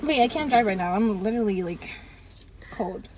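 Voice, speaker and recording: A woman's voice: a little high, lively intonation, fast, crowd noise. A young woman vlogging while walking outdoors in a city, giggly and dramatic, exclaiming often. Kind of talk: casual vlog chat. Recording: noisy outdoor street recording. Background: street and traffic noise.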